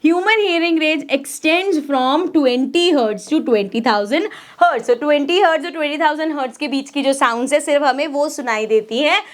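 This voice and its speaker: A young woman teaching a school science lesson, explaining in a mix of Hindi and English and slowing down to read textbook lines. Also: high-pitched. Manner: mixes Hindi with English terms, reads textbook lines slowly. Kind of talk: one-shot exam lesson.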